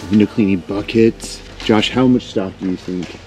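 Deep-voiced man giving a warehouse tour. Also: normal speed, a little mellow, faint music behind. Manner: upbeat, enthusiastic. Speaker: vlog host. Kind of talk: casual walk-and-talk tour. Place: large warehouse. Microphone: lapel.

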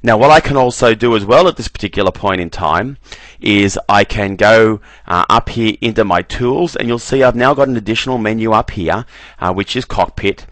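Low-voiced man narrating a software demo. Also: moderate pace, dry recording. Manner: relaxed, repeats "very, very" often. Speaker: software trainer. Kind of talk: screen-recorded software walkthrough.

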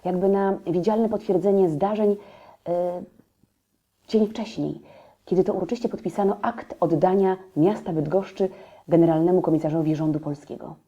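Casting: actress as earnest newspaperwoman of the 1920s, lowish, very mellow voice, reflective historical audio drama. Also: fairly even intonation, moderate pace, muffled recording, lightly acted. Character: earnest 1920s newspaperwoman recalling what she witnessed.

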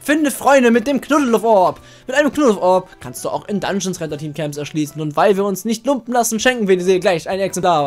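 Woman narrating a video game playthrough. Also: medium pitch. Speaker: let's player. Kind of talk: casual game commentary and reading on-screen text aloud. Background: video game music.

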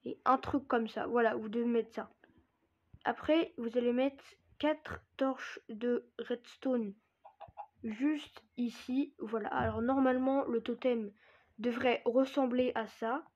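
High-voiced woman, hesitant, lo-fi sound. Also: fairly even intonation, takes it slowly. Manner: hesitant with many fillers and swearing. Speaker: gaming YouTuber. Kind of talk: casual gameplay tutorial commentary. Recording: dull lo-fi recording.

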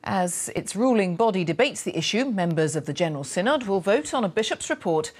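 A woman news anchor presenting crisply from a television studio. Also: medium pitch, expressive, brisk, a little mellow.

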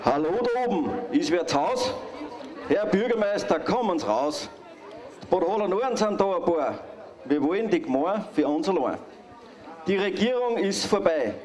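A man's voice: sits high, big pitch swings, normal speed, pauses often, a little mellow. Man declaiming verse outdoors. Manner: declaiming, demanding. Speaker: carnival prince. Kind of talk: reciting rhyming verse to a crowd. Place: outdoors in front of a town hall. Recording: echoey PA sound outdoors with crowd.

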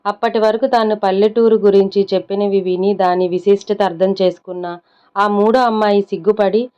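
Smooth-voiced woman narrating a story. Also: medium pitch, darkish tone. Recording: dull lo-fi recording.

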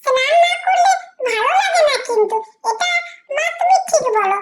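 Woman doing a super high squeaky little boy god voice, whiny n giggly, doll roleplay vlog, faint hiss behind. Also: animated, normal speed. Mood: complaining. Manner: whiny and pleading, breaking into giggles. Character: playful little boy god, whiny about cold baths. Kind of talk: doll role-play vlog.

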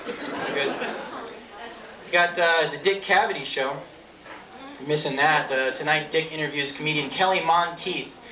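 A man in his twenties doing live stand-up comedy with props in a halting, offhand way. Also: fairly high pitch, sharp tone. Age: 20s. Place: small dark theatre stage with audience. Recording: roomy old videotape, distant, audience noise. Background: audience laughter and crowd noise.

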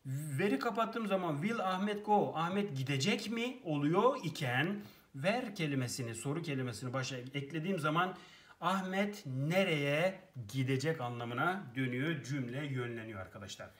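A man teaching an English lesson, explaining clearly and reading example phrases slowly. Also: on the high side, expressive.

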